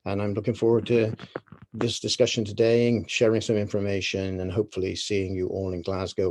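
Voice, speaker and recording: Casting: male activist speaker, very low husky voice, earnest, deliberate political remarks. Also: a little mellow. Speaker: speaker at a trade union meeting.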